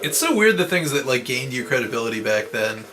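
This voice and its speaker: A man's voice: mid-range voice, big pitch swings, fairly quick, sharp tone. Man making dry wry remarks. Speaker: co-commentator. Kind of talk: casual chat over gameplay. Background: retro game music.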